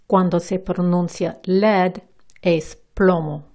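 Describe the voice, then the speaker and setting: Slow, low-voiced woman teacher. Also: a little mellow, no room sound, studio quality. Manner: enunciates each English word deliberately. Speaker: pronunciation teacher. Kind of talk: slow, careful word-by-word instruction.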